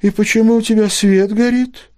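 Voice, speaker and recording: Man voicing a sleepy gentle mother. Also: sits high, steady tone, moderate pace, pitched above the performer's own voice, lightly acted.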